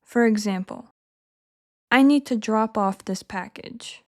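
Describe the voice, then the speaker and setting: A woman narrating a scripted English lesson in a clear, measured, encouraging teaching manner. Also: on the high side, a little mellow.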